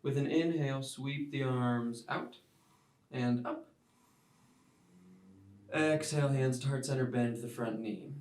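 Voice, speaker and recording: A man teaching a yoga class, giving calm step-by-step cues timed to the breath. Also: medium pitch, takes it slowly, long pauses, slight background noise. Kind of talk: guided yoga class instruction. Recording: roomy sound, mic at a distance.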